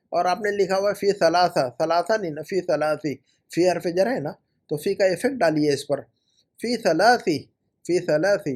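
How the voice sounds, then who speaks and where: High-voiced man teaching Arabic grammar. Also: a little mellow. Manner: patient, repeats words slowly for pronunciation. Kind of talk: correcting student homework in a recorded lesson.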